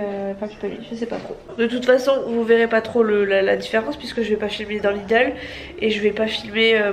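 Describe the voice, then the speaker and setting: Talking casually to a handheld camera at arm's length in her apartment, a woman in her thirties with cold-stuffed sinuses rambles on as a family vlogger, often restarting and using fillers. Her voice is a little high, with slight background noise and a low-quality recording.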